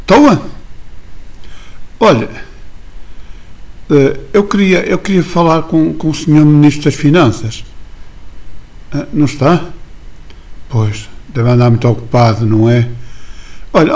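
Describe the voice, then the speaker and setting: A man's voice: fairly high pitch, a little mellow. A man with a European Portuguese accent performs a comic monologue as an indignant small-business owner on the phone, stammering and insisting. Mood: insistent. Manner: stammering, insistent, repeats "menina" and "senhor assessor". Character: indignant small-town male business owner phoning a ministry. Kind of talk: comic monologue, one side of a phone call.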